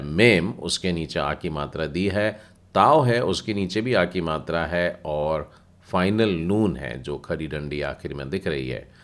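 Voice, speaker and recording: A man teaching a Bible language class, patiently spelling out letters and their sounds step by step. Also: deep voice. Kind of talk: slow explanatory lesson.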